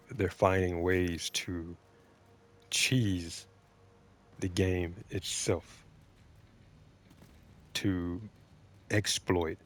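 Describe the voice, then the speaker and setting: A man giving blunt, opinionated, defensive off-the-cuff commentary as a video game creator, with halting, emphatic phrasing. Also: low-pitched, noisy background.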